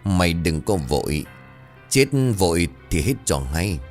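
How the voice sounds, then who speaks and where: A man's voice: low voice, unhurried, faint music behind. A man voicing a cruel old village elder who gloats and snarls menacingly. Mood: gloating hush. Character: vicious old village elder working a curse.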